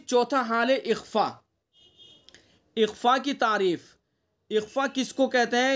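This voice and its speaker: A man with a strikingly high voice leads an online class on Quran recitation. He explains each rule patiently, stops often to ask whether the students follow, and sounds out the nasal tones himself to show the difference. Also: fairly bright tone.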